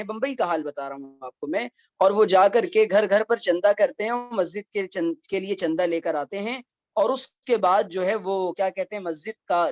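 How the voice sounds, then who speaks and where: A man's voice: sits high, dry recording, dull audio. A man, a mufti, giving a conversational religious lecture that mixes rulings with wry asides and rhetorical questions. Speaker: mufti teaching Islamic law. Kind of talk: religious lecture in a teaching series.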